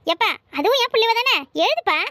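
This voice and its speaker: A woman's voice: very high voice, lively intonation, quick pace, sharp tone, no echo, studio quality, full character voice. A woman voicing an older village woman who tenderly calls her cattle her children, in a cartoon.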